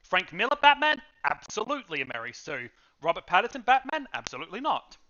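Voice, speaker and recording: A man co-hosting a podcast, in casual chat, talking in emphatic, animated bursts. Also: sits high, fast. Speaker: podcast co-host. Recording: dull lo-fi audio.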